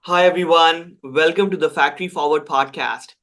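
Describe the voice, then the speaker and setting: A man's voice: on the high side, steady tone, normal speed, music in the background. A man hosting a podcast interview, eager and stumbling, repeating words as he asks questions. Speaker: podcast host.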